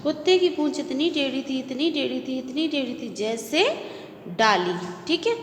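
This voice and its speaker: Casting: woman school teacher, high voice, repetitive checking-in style, long echoey room. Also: big pitch swings, measured pace, slight background noise. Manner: repetitive, checks with "okay?", mixes in English words. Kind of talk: recorded Hindi class lesson.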